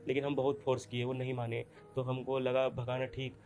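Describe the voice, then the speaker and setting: Poor young villager, humble and pleading, played by a man; flat delivery, soft music bed. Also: medium pitch, a little fast, natural voice. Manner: humble, pleading, rustic speech. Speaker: runaway husband from a village. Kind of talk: scripted short drama.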